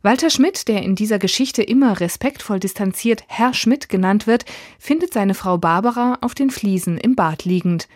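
A woman presenting an audiobook in calm, measured scripted narration. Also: mid-range voice, no echo, clean studio sound.

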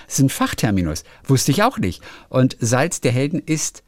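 A man's voice: medium pitch, big pitch swings, normal speed, no echo. A man, a radio host, chatting casually on the phone and telling rambling little stories.

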